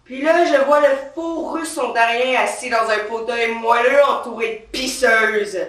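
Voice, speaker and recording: A woman's voice: a little high, steady tone, unhurried, fairly bright tone. A woman acting a swaggering, bossy female police officer in a satirical comedy monologue on stage. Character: brash trigger-happy female police officer, touchy and power-proud. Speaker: stand-up character performer. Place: theatre stage. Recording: roomy stage sound from far off.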